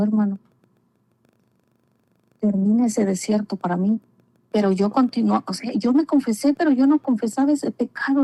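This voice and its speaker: A woman's voice: medium pitch, warm tone, rough recording. A woman giving an earnest personal religious testimony, repeating herself and often calling the listener brother. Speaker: guest giving a faith testimony.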